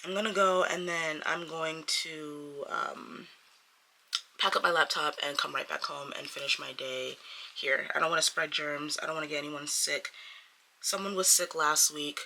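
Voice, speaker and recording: In her parked car, a young woman from the Washington DC area rambles casually to her vlog camera, chatty and self-mocking. Her voice is low and bright with vocal fry, a forceful tone, fairly even intonation and a moderate pace. She records on the camera mic.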